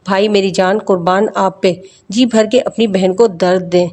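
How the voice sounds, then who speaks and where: A pleading young woman in a spoken story, talking like a frightened child, as a woman narrator puts her on. The voice sits at a middle pitch. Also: fairly even intonation, darkish tone, lightly acted.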